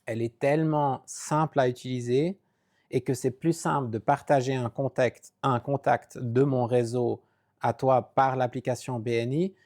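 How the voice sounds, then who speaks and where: A man's voice: medium pitch, steady tone, moderate pace, a little mellow. A man hosting a podcast interview who agrees often and asks long questions with hesitant restarts. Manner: frequent short agreements, hesitant restarts when asking questions. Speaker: podcast host. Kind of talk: casual interview.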